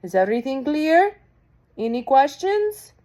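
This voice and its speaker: A woman's voice: high-pitched, big pitch swings, a little slow, warm tone, voice pushed up. A woman reading aloud and voicing a cruel, commanding elderly witch queen who barks orders. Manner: imperious, barking orders.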